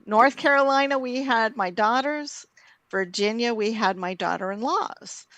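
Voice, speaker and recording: A middle-aged woman co-hosts a talk show in a fairly high voice, full of playful banter. The recording is dry and close. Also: a little slow, a bit bright, no room sound. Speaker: show co-host. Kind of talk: casual chat.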